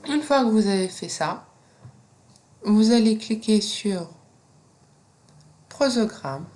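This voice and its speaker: Slow, patient woman teaching software. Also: mid-range voice, expressive. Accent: non-native French accent. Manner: slow, step-by-step instructions with frequent fillers. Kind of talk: screen-recorded software tutorial.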